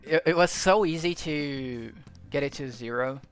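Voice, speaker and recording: Soft music plays behind a young native Portuguese speaker from Brazil who chats casually while streaming gameplay, with a Brazilian Portuguese accent. His voice sits fairly high and moves at a measured pace. He thinks out loud in a rambling way and keeps restarting his sentences.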